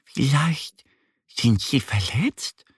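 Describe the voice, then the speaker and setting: A man voicing a cheerful, curious little female duck in a high, squawky voice for a storybook podcast. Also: lively intonation, drawn-out words, husky, no room sound, clean studio sound, heavily acted. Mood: neugierig. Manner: hohe, quäkige Entenstimme. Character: kleine fröhliche neugierige Ente, weiblich.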